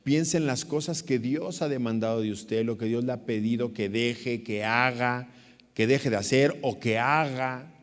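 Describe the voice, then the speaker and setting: A man's voice: medium pitch, measured pace. Man preaching a sermon in a reverberant church. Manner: dramatic, shouting the blind man's cries in a raised voice. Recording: long hall reverb.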